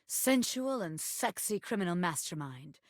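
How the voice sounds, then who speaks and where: A woman playing a cocky, excitable bobby pin gangster in a video game, talking in swaggering wiseguy slang. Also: fairly low pitch, measured pace, no room sound, clean studio sound. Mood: boastful pitch. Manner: brash wiseguy slang, swaggering, calls people baby. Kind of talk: video game character acting.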